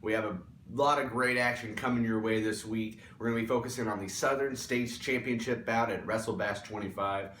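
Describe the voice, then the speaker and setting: Echoey room: male wrestling host, slightly low voice, presenting segments. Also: steady tone, fairly quick, a bit bright, slight background noise.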